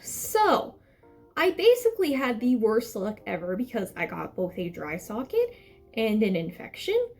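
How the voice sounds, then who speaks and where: A woman's voice: a little high, huge pitch swings, a little slow, a little mellow, faint music behind. A young adult woman tells a personal story casually, rambling, correcting herself and stressing her points. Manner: rambling, self-correcting, emphatic. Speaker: vlogger telling a personal story.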